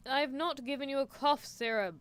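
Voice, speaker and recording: A woman with a high voice speaks at a moderate pace. She's a streamer doing an improvised ASMR roleplay, playing a scheming, possessive anime mad scientist who mutters in theatrical exasperation.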